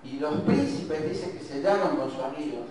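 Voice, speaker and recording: A man with an Argentine accent preaching and reading scripture, musing aloud and correcting himself. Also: on the high side. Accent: Argentine Spanish. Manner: slow, reflective, muses aloud and self-corrects. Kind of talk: sermon with Bible reading. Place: church hall. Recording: very echoey church, distant mic, faint hiss.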